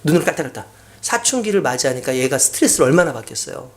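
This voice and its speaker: A man's voice: on the high side, rapid-fire. A male pastor preaching a sermon in a church, telling an anecdote and acting out the people in it. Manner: animated anecdotal storytelling, often acting out quoted speech. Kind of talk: sermon storytelling.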